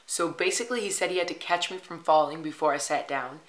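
A woman's voice: deep voice, fast, reverberant. A woman in her twenties chatting through a casual travel vlog, upbeat and full of "like" fillers. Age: 20s. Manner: chatty and upbeat, heavy use of "like". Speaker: travel vlogger.

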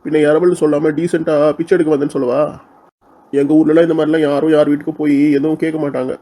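A man playing a sharp-tongued young woman who mocks and picks fights in a comic village skit. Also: a little high, little pitch movement, rapid-fire, close to an everyday voice. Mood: mocking. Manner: mocking, insolent, picks fights.

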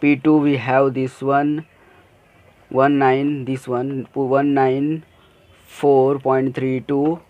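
Man, engineering tutor, worked-problem lecture, unhurried, monotone, hesitant fillers. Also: mid-range voice, dry recording, dull audio. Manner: slow, hesitant explaining with fillers and self-corrections. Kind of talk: worked-problem lecture over handwritten notes. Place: at a desk, filming a notebook.

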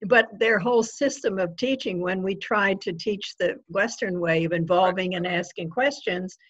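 An older woman talking as a guest author in a conversational interview, eager and quick to agree as she reminisces. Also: mid-range voice, muffled recording.

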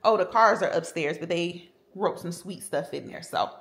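A woman's voice: fairly low pitch, normal speed, echoey room. A middle-aged woman chatting casually to her vlog viewers at home and in her car. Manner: chatty, animated, says "y'all" a lot. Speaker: vlogger, mother.

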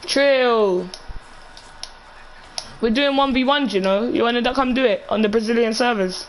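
A man's voice: very high voice, a little slow, slight background noise, rough recording. A young man with a London roadman accent and slang, bantering casually while streaming a game.

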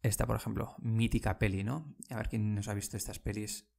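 The man's voice is fairly low, a little mellow, with vocal fry and fairly even intonation. Teaching Basque casually, he explains each word slowly and patiently, repeats it, and often asks "¿vale?"

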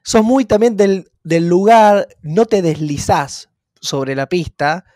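Man, Argentine accent, fairly high voice, dry sound, teasing, playful, podcast banter. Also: takes it slowly, warm tone, no room sound. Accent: Argentine Spanish. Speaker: podcast co-host. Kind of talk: casual chat.

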